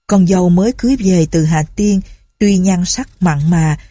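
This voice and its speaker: A woman reading a story aloud in a steady, low-key way. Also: normal speed, no echo, clean studio sound. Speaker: narrator. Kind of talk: storybook narration.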